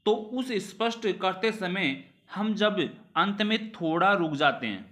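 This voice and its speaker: In this grammar revision lesson, the male teacher is animated yet slow, with a fairly bright tone. Phrases get repeated, rhetorical questions come up, and his sentences end on a falling pitch.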